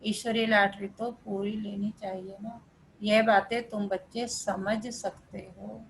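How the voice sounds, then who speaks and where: A woman's voice: mid-range voice, level tone, takes it slowly, vocal fry, slight background noise, rough recording. A woman teaching a spiritual class over a video call, explaining a scripture reading patiently with everyday examples. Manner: explains patiently with everyday examples, code-switching into English words.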